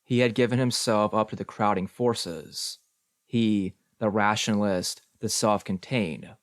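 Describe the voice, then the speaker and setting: Male audiobook reader, slow deliberate reading, lowish voice, dry close recording. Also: fairly even intonation, no room sound.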